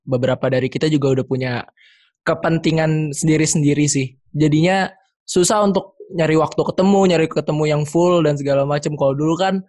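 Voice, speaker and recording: A man's voice: a little high, fairly even intonation, fairly quick, a little mellow. A young man, a guest on a casual chat podcast, retelling childhood stories with animation. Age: young adult.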